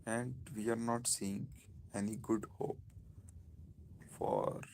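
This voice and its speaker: A man with a Pakistani accent speaking informally on a live stream, in halting, repetitive phrases. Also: fairly low pitch, level tone, darkish tone, slight background noise.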